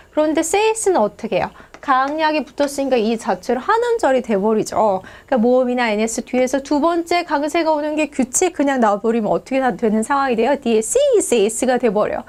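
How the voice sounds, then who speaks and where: Woman, language teacher, high voice, lively, asks and answers her own questions, online lesson. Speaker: Spanish teacher.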